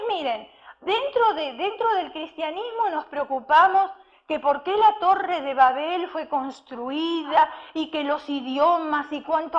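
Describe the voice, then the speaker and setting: A woman's voice: very high voice, fairly bright tone. A woman preacher giving a sermon, telling stories and putting questions to her congregation. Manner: storytelling with rhetorical questions to the congregation. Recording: dull lo-fi sound.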